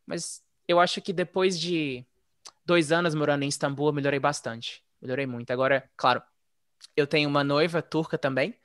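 Man with a slightly high, dry voice. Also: moderate pace, no room sound. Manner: relaxed, chatty, frequent "né?" tags. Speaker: interview guest, former English teacher living abroad. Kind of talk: casual conversational storytelling.

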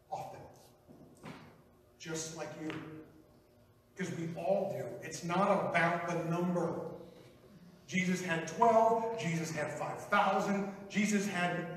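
High-voiced pastor in an echoey hall. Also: male voice, a bit bright, recorded from a distance, a little hiss or hum. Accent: Midwestern American. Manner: playful, teasing the congregation. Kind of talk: sermon. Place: large church hall.

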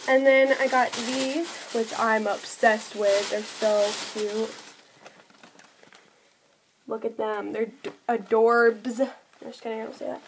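A young woman talks into her camera at home, chatting through a shopping haul. Her voice sits a little high, and she peppers her talk with "like" and quick giggly asides. A faint hiss sits under the recording. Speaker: vlogger. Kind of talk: casual haul vlog.

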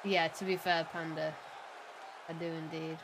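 A woman's voice: deep voice, level tone, a little slow, fairly bright tone, rough recording. Chatty young woman with faint background hiss. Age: young adult. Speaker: co-host. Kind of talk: casual game stream chat.

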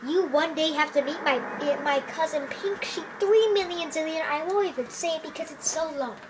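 A woman's voice: high-pitched, moderate pace. A woman voicing characters in a homemade game roleplay, hopping between goofy, playful voices. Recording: noisy home recording.

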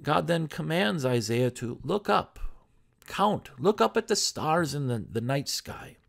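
A man's voice: fairly high pitch, sing-song, unhurried, gravelly, a bit bright. A man pastor giving a sermon in a conversational preaching style, full of rhetorical questions.

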